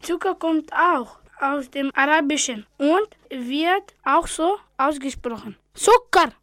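A young girl reads her part on a school radio show in a high voice. Her delivery is plain. The recording is dry and close. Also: slow pace, fairly bright tone, dry recording. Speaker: student radio participant. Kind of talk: reading a school radio script.

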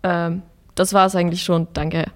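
Polite woman interviewer, lowish voice. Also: level tone, moderate pace. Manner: polite, formal. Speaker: interviewer, project participant. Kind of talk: interview questions.

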